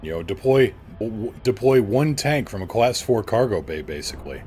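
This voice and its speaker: A low-pitched man chats playfully with his viewers while he plays a game, his voice swinging up and down as he jokes. Quiet game music runs underneath his talk. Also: animated, normal speed. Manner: joking, playful, reads viewer names aloud. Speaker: game streamer chatting with viewers. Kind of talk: casual live-stream chat.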